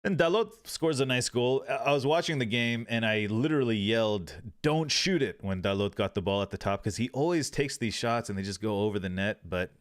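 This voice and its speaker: A man's voice: fairly low pitch, brisk, hardly any pauses, dry recording, clean studio sound. A man hosting a casual football podcast, rambling with many fillers and restarts. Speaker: podcast host.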